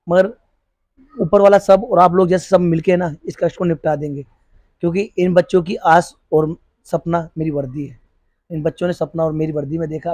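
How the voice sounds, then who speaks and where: A man's voice: fairly high pitch, darkish tone, no room sound. A middle-aged man, a police officer who runs a school, answering interview questions earnestly, often restarting his sentences. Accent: Hindi. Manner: earnest, repeats and restarts while searching for words.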